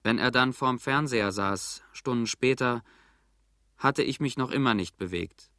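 A man reading a first-person literary text for an audio drama, in a measured, grave storytelling manner. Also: medium pitch, sharp tone, no room sound. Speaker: narrator.

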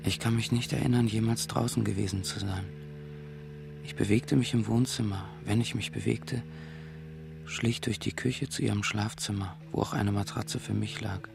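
A man reading a first-person literary text for an audio drama, in a quiet, reflective manner. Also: lowish voice, steady tone, normal speed, gravelly. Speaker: narrator. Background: music.

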